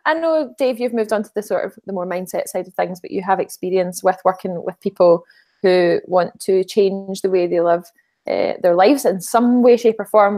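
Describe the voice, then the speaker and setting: A woman with a middle-pitched voice hosts a live online broadcast. She is bubbly and giggly, and she keeps things casual with plenty of ums. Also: a little mellow. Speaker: live-stream host.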